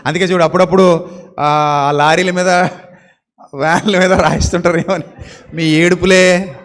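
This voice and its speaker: A male pastor preaching a sermon, animated, with many rhetorical questions and playful mock quotes. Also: high voice, brisk, long reverb tail.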